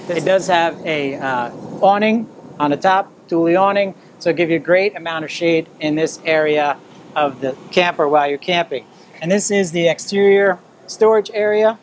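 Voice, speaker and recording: A man's voice: a little high, a little hiss or hum. A man in his fifties presenting an informal walk-through product tour, explaining and pointing things out as he moves around. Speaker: presenter of a camper trailer tour. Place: at an outdoor RV display, in and around a small trailer.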